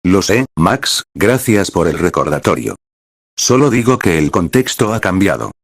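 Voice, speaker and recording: A man's voice: deep voice, sing-song, measured pace, breathy edge, no echo, clean studio sound, exaggerated voice. A man voicing an anxious, proud young woman who has fallen on hard times, in an audiobook. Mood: flustered. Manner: flustered.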